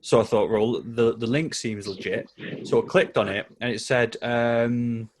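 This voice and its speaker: An English man co-hosting a casual football podcast among friends. He tells his stories in a chatty, easygoing way and laughs often. His voice sits at an ordinary middle pitch. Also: fairly even intonation, measured pace, slight background noise. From England. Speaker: podcast co-host. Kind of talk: casual chat.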